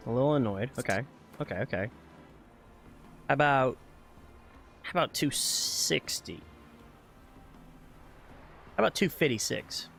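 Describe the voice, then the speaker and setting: A man's voice: mid-range voice, lively intonation, a little slow, gravelly, long pauses, a bit bright. A man streaming a video game, joking, swearing and reading game text aloud. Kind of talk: gaming livestream commentary. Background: faint game music.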